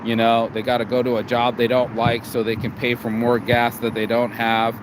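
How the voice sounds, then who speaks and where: Outdoors amid city street and traffic noise, this Las Vegas man rambles casually in a vlog, swearing, restarting, and repeating words. Worn out and low on energy, he speaks at normal speed in a mid-range voice with flat delivery.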